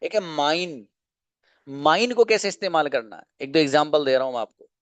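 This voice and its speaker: A man teaching an online English grammar lesson, explaining slowly, repeating examples and asking rhetorical questions. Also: on the high side, a bit bright, no room sound.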